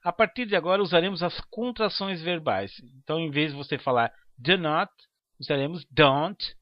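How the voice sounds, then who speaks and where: A man teaching English to beginners in a slow, deliberate lesson narration, repeating each example phrase. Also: fairly high pitch, no echo. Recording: dry, dull lo-fi voice-over.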